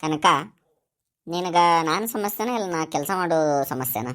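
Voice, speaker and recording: A woman voicing a young village man working abroad, gentle and pleading, with a North Karnataka Kannada accent. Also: deep voice, animated, unhurried. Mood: calm. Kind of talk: cartoon voice acting.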